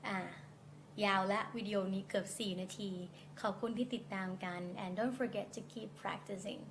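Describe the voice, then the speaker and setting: A Thai woman teaching English in a casual phone-recorded lesson, playfully drilling words slowly. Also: mid-range voice, fairly even intonation, slight background noise. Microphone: phone camera. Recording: echoey room, faint ambience.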